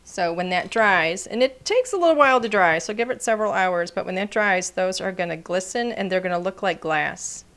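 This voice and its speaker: Craft lady showing how to make a card, chatty and gushy, mumbles while she glues, mid pitch. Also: animated, fairly quick, hardly any pauses, fairly bright tone. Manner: chatty, gushing, often drops to a murmur while working. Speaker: card-making instructor. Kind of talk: casual crafting demonstration.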